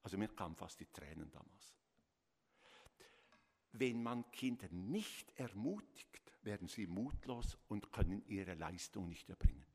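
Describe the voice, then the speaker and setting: An older man preaching a sermon from the pulpit, animated and earnest, sometimes acting out the people he quotes. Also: on the low side, unhurried, slightly rough. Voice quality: animated, acts out quoted voices. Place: church with long reverb. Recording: long church reverb.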